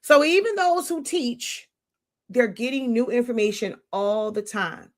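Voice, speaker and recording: She speaks at a fairly high pitch and a little slowly. A woman business mentor on a livestream, she teaches off the cuff in a blunt, lecturing manner, pausing often to reach for a word.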